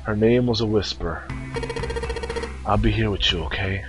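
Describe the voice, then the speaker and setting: A man voicing a young male video game figure who quietly reassures a frightened girl. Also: on the low side, moderate pace, over music, lightly acted. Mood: gentle. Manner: soft, hushed reassurance. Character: young man, caring, comforting a scared girl.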